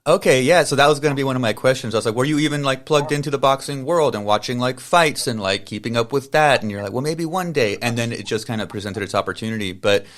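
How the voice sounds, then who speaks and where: A man's voice: mid-range voice, fast, hardly any pauses, a bit bright. A man hosting a podcast, talking casually with many fillers and side tangents. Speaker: podcast host. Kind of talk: casual podcast intro and interview.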